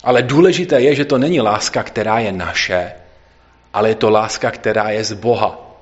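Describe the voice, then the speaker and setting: Earnest male preacher, dull recording. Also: on the low side. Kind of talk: sermon and scripture reading. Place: church service.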